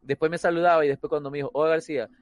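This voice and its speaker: A man tells a story among friends in casual chat. His voice sits a little high, and the sound is dry and close. He keeps repeating words to hold the floor and laughs between phrases. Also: steady tone, rapid-fire, dry recording, dull audio.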